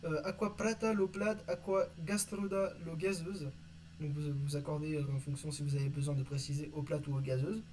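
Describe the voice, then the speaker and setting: A man teaching vocabulary from an invented language in a casual lesson, reading word lists and pausing often with fillers. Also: on the high side, steady tone, a little mellow, slight background noise, rough recording. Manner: reads word lists, hesitant with many "euh". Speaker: conlang teacher.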